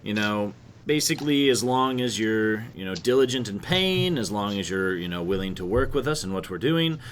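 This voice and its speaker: A man voicing a smooth-talking male lawyer with a slight Italian accent, pitching a lease. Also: lively intonation, moderate pace, slight background noise, close to an everyday voice. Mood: persuasive. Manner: persuasive salesman patter.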